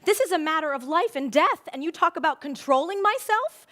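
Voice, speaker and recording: A woman reading aloud and voicing a fierce, tender-hearted young farm girl, with slowed, raised pleading delivery. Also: very high voice, animated, sharp tone, voice pushed up, exaggerated voice. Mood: pleading, upset. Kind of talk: dramatic read-aloud of a storybook.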